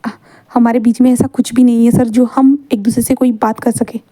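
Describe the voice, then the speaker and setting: A woman voicing a young male student in a fan story read aloud. The student pleads softly and hesitantly, often repeating words. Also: on the high side, flat delivery, normal speed, dry recording, lightly acted. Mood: pleading.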